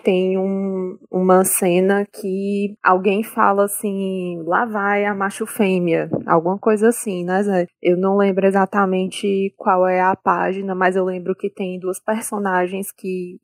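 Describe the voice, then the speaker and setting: A woman's voice: medium pitch, little pitch movement, measured pace, few pauses, dry recording. A woman, co-author of a comic, recalling details loosely in casual interview talk.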